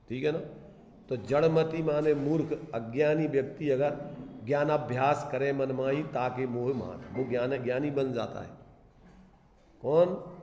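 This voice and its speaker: A man giving a Jain scripture discourse, asking his listeners rhetorical questions and slowly chanting verse lines. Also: medium pitch, a little mellow. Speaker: Jain religious teacher. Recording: echoey hall.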